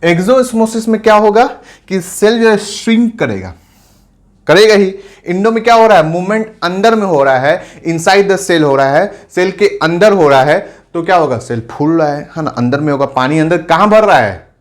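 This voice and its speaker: A man's voice: sits high, expressive, normal speed. Man teaching science, answering his own questions. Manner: repeats questions and answers them himself; mixes English science terms into his speech. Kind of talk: classroom lecture.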